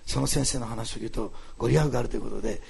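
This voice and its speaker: A man preaching a sermon, telling a congregation story with lively asides. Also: medium pitch, very fast, creaky, slightly rough. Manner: animated storytelling with frequent laughs and asides. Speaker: pastor. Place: church hall, streamed online.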